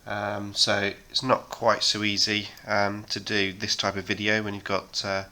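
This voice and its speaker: While painting, a hobby painting channel host chats casually in a bright, fairly low voice at an unhurried pace. He's relaxed and rambling with many ums, and a sore throat leaves him slightly hoarse.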